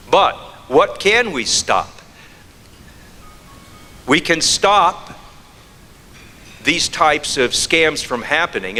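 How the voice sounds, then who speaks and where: Delivering a scam-prevention talk to an audience, this fraud prevention speaker uses a medium-pitched voice with a bright, forceful tone. Rhetorical questions and repeated key phrases drive his points home, heard through a long reverb tail and slight background noise.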